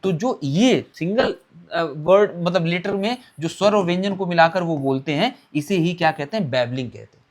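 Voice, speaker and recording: A man's voice: high voice, expressive, moderate pace. A man teaching an online exam-prep lecture, asking questions and answering them himself while repeating key terms.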